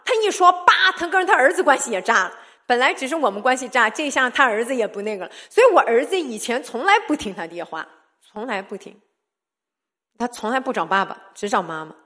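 A woman giving a sermon-style testimony, animated and often laughing, who keeps putting rhetorical questions to her listeners. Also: a little high, quick pace. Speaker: church speaker sharing testimony.

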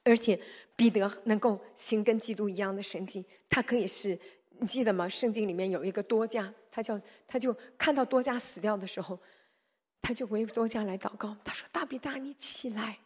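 A woman preaching a sermon, telling stories in an animated, emphatic way with sudden loud peaks. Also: mid-range voice, a little fast, breathy edge.

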